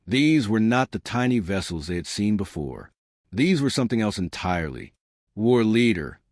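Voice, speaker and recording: Low-voiced male sci-fi narrator. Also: sing-song, moderate pace, no room sound, clean studio sound.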